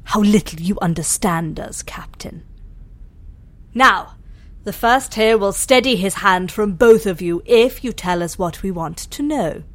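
Female actor, alien interrogator, medium pitch, measured, condescending, politely menacing, sci-fi audio drama. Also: a bit bright, no room sound, lightly acted.

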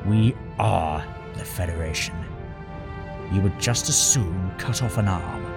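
A male actor plays a bitter adversary in a sci-fi audio drama. His fairly low voice is full of threat, over clearly audible music. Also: measured pace. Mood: threatening. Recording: music under the voice.

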